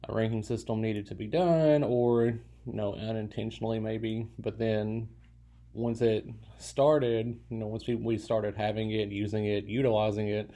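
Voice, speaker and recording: Gravelly low-voiced man lecturing casually. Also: steady tone, moderate pace, warm tone. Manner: casual, meandering, many fillers and restarts. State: yawning. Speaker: college lecturer. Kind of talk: recorded lecture.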